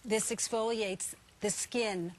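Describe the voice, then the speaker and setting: A woman's voice: medium pitch, fairly even intonation, takes it slowly. A woman from the United States presenting a product in home shopping style, instructive, with emphatic short phrases.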